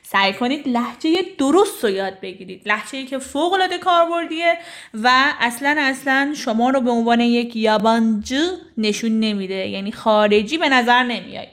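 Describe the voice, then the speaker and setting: Woman language teacher, high voice, slow careful repetitions, brisk explanations. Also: animated, fairly bright tone. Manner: repeats each phrase slowly, then explains it briskly. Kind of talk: phrase lesson with slow model sentences.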